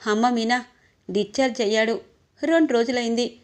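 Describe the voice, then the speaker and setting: A woman voicing an anxious older mother who pleads softly with her daughter. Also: fairly high pitch, moderate pace, lightly acted.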